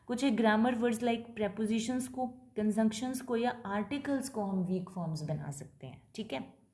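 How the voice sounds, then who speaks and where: Woman lecturer, Indian English accent, steady explanatory teaching voice, mixes languages. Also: a little high. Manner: explains in Hindi mixed with English terms, slows down for English definitions. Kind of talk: classroom lecture video.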